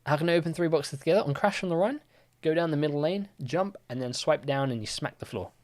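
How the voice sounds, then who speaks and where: A man's voice: a little high, quick pace, a little mellow. A young man hosting a live-stream quiz, chatting casually with lots of fillers as he reads and answers viewer comments. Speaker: livestream quiz host.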